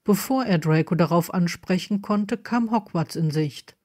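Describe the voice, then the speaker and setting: A woman reads a story aloud in a calm, steady voice. Her pacing is even, like an audiobook narration. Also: fairly low pitch, unhurried. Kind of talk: audiobook reading of fan fiction.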